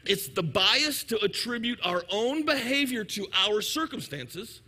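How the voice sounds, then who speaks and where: A male pastor preaching a sermon, animated and playful, acting out little everyday scenes. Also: high voice, a little slow.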